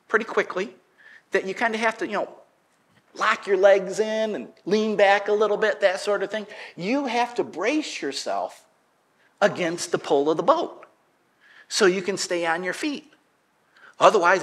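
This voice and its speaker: A middle-aged male pastor preaching in a small church. His voice sits a little high, and he talks in a homey storytelling way. At the big moments he gets louder and more animated. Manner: folksy storytelling, grows loud and animated at the story's peak. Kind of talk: sermon. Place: church sanctuary.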